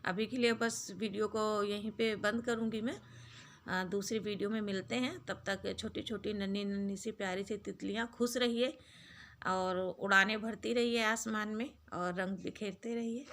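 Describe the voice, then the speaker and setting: A middle-aged woman and mother talking gently and directly to young girls, giving casual advice in a vlog. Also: mid-range voice, fairly even intonation, moderate pace, a little hiss or hum. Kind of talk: casual advice talk to camera.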